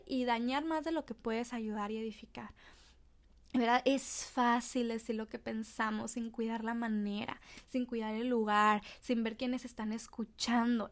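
Woman doing a faith podcast, kinda high voice, earnest and encouraging. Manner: earnest and encouraging, addressing listeners directly. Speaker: podcast host. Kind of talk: devotional podcast talk.

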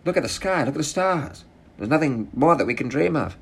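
A man's voice: fairly high pitch, expressive, a little fast, gravelly, breathy edge, pitched above the performer's own voice, full character voice. A man voicing an overexcited, dreamy male pro athlete in a grand, lofty way of speaking. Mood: grandiose.

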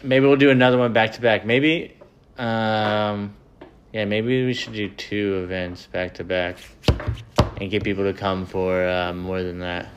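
A man's voice: fairly low pitch, steady tone, measured pace, highs cut off, noisy background. A man hosting a casual podcast chat with profane, laid-back frat-bro slang. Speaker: podcast host.

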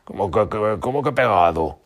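Un hombre narrador que da voz a un lobo macho práctico y directo, de tono fuerte. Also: male voice, deep voice, lively intonation, fairly quick. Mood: blunt. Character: blunt practical male wolf.

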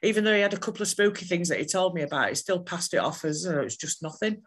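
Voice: medium pitch, animated, fast talker, a bit bright, slightly rough. A speaker in a casual chat, explaining things in a conversational way.

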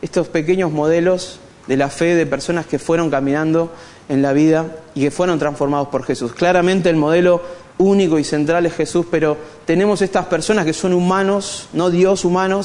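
A man with a Rioplatense Spanish accent teaches a church group in a conversational, animated way, joking and putting questions straight to his listeners. His voice sits a little high for a man. The sound has a long echo from a large church hall. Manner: animated, joking, addresses the audience directly. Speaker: Bible study teacher.

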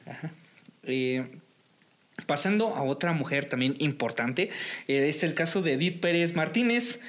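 A man with a Mexican Spanish accent co-hosts a relaxed podcast conversation. His voice sits a little high for a man. He pauses often, restarting sentences and filling gaps as he thinks aloud. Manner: hesitant, many fillers and restarts. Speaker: podcast host. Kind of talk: casual podcast chat.

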